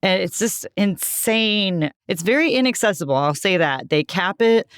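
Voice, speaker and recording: A woman's voice: mid-range voice, expressive, normal speed, smooth, dry recording. A woman co-host chatting casually in a studio in an easygoing way. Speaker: podcast co-host. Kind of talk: casual chat.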